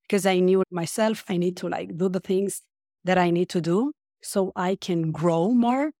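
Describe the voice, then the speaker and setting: Fairly low and mellow, her voice moves at a normal speed as she talks earnestly in a casual podcast interview. She's a life coach with a Romanian accent who often searches for her words. The studio audio is clean and has no echo.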